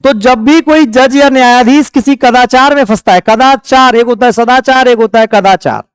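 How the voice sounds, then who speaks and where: A man's voice: very high-pitched, normal speed, clean tone, no room sound, studio quality. A man from India, teaching an exam-prep lecture. He keeps asking the class questions and then answers them himself.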